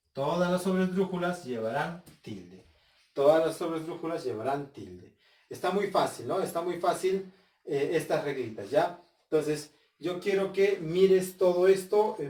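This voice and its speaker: A man's voice: high voice, a little mellow. A male teacher giving a recorded lesson at a whiteboard. He explains step by step, repeats key points and asks rhetorical questions. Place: room with a whiteboard. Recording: echoey room, distant mic.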